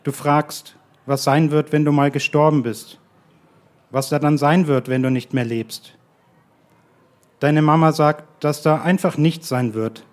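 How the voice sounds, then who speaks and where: A man reading his own short story aloud at a live radio event, in a calm and measured way that slows to quiet, drawn-out lines. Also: on the high side. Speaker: guest author reading his own text.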